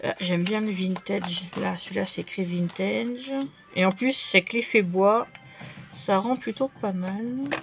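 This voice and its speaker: A woman chatting casually while she crafts at her table, relaxed and full of fillers. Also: medium pitch, creaky, slight background noise. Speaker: craft vlogger.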